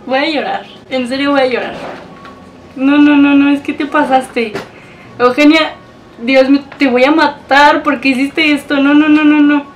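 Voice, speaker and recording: A woman's voice: high-pitched, fairly even intonation, normal speed, distant mic, slight background noise, rough recording. A young woman with a Mexican accent, gushing and emotional as she unboxes a package for her vlog. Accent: Mexican Spanish. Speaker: beauty vlogger.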